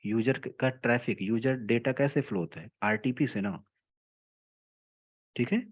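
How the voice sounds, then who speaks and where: A man teaching a technical lecture. He explains slowly, mixes in English terms, repeats key phrases and checks in with his listeners often. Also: medium pitch, slightly rough, phone-quality sound. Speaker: telecom trainer.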